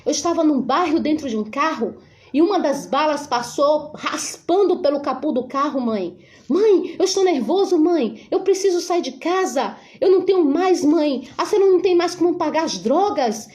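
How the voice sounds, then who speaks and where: A woman's voice: high voice, animated, moderate pace, a little mellow, pitched above the performer's own voice. A woman voicing her frightened teenage son, pleading and urgent. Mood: frantic pleading. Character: frantic teenage son, scared and desperate.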